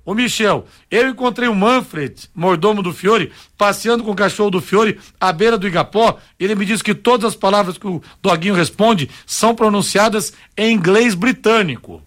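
A man from co-hosting a radio talk show, ranting about slow public works and joking with his partner. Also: sits high, fairly bright tone. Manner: indignant, joking, reads listener messages. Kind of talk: casual radio talk and commentary.

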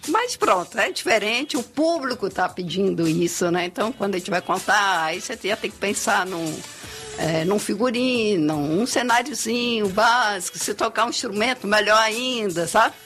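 A woman who tells stories and writes children's books, talking expressively in a relaxed interview, often ending phrases with a tag question. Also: mid-range voice, moderate pace, faint music behind. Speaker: storyteller and children's author, guest. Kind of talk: conversational interview.

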